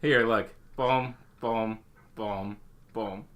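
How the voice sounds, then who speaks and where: A young man, a father, talking casually to camera at home, often rambling and restarting his sentences, and gently hushing with patient reassurances. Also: fairly low pitch, steady tone, drawn-out words. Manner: rambling, self-correcting restarts. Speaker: father vlogging. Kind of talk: casual talking-head vlog. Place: at home indoors.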